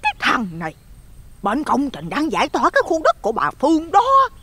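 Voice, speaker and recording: A man's voice: very high voice, wildly swooping pitch, a little fast, bright, forceful tone, pitched above the performer's own voice, exaggerated voice. Man voicing a gossipy old village woman. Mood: spooky. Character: gossipy plump village woman in her sixties, loud, nosy.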